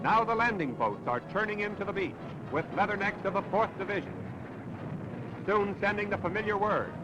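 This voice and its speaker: Reading a scripted wartime newsreel over music, the American narrator speaks fairly quickly in a high-pitched voice, declaiming dramatically in 1940s style. The recording is a dull, very noisy 1940s newsreel soundtrack.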